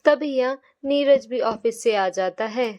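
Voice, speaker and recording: A woman's voice: fairly high pitch, a little slow, darkish tone. A woman narrating a children's story in plain storytelling tones.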